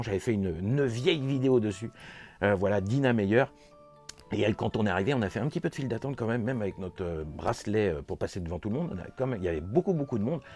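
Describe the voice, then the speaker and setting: A man's voice: fairly low pitch, darkish tone. Man, French accent, casual vlog recap, eager, lots of fillers, faint background music. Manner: enthusiastic, rambling, many fillers and repeats. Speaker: vlogger recounting a convention.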